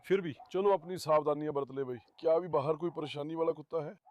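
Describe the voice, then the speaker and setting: A farm pet vlogger speaks quickly to the camera outdoors, his voice on the high side, a little mellow, and fairly even in intonation, with a bit of hiss or hum in the audio. Treating his dogs like his own kids, he fondly calls out to them as his lions.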